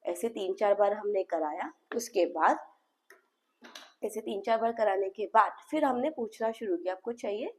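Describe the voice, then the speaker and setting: A woman's voice: medium pitch, normal speed, a little mellow. A woman speech therapist explaining therapy to parents, mixing phrases into her talk and acting out the dialogue of a session.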